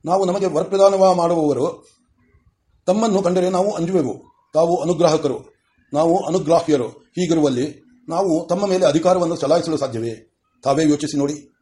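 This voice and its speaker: Dignified humble king, formal and even, read by a man, kinda high, mellow tone. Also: normal speed, lightly acted. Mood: courteous. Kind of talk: audiobook reading of a novel.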